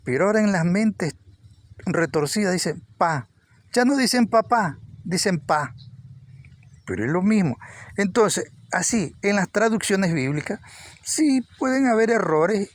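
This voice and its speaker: High-voiced guy preaching slow, repeats himself for emphasis. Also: lively intonation. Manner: repeats words for emphasis, rising with energy at points. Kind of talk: informal Bible teaching.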